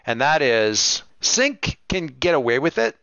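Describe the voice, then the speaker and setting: A man narrates and runs a tabletop role-playing game, talking in long looping sentences full of restarts. His voice is smooth and clear. The sound is dry and a little dull, like a cheap mic. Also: a little high, big pitch swings, a little slow, a bit bright, no echo. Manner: chatty, rambling with many restarts. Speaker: game master.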